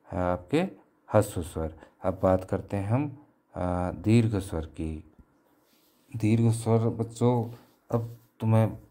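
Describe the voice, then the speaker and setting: A man's voice: fairly low pitch, dark tone. A man teaching a grammar lesson to children, repeating each point and asking questions that he then answers himself. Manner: slow, repetitive, asks and answers own questions. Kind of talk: classroom lesson explaining grammar.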